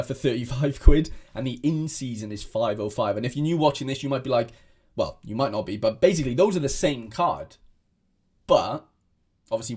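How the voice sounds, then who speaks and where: In casual chat to camera, a young Welsh-speaking man who creates fantasy football content rambles along in a mid-range voice with a darkish tone. Restarts and fillers come often.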